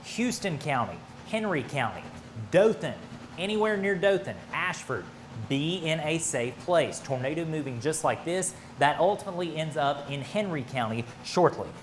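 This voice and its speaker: Man, American accent, higher-pitched voice, live storm warning broadcaster, urgent and emphatic, slight background noise. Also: animated, normal speed. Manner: urgent, emphatic, direct appeals to listeners. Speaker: weather broadcaster. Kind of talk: live severe weather coverage, ad-libbed.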